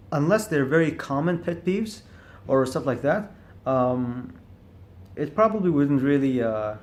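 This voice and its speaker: Medium in pitch and darkish in tone, a man talks alone to the camera in a reflective vlog. His speech is hesitant and searching as he thinks aloud, full of stutters on repeated syllables and frequent restarts.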